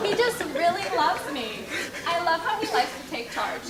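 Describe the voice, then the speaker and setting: A woman's voice: very high voice, sing-song, takes it slowly, over a noisy crowd, very noisy, heavily acted. A young woman playing a smitten college pledge who gushes about her boyfriend. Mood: defensive. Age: young adult. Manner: gushing, then unsure. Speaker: student acting in a skit. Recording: echoey room with faint ambience.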